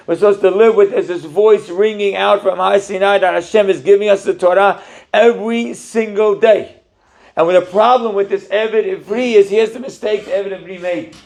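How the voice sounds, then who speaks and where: Male rabbi, high voice, animated questioning sermon. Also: vocal fry. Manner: animated, questioning Torah teaching.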